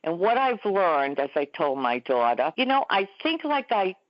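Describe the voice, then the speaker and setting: A woman's voice: lowish voice, big pitch swings, normal speed, dry recording, muffled recording. A woman in her seventies, a talk show guest telling stories in a chatty way. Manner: chatty, storytelling. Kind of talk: interview conversation. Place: Florida.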